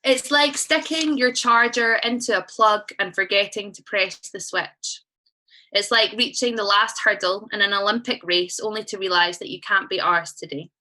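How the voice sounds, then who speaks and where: A woman's voice: mid-range voice, fairly even intonation, normal speed, pushed and bright, rough recording. A young Scottish woman performing spoken word poetry live, chatty and sweary as she tells stories between poems. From Scotland. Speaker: poet. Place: live stage event.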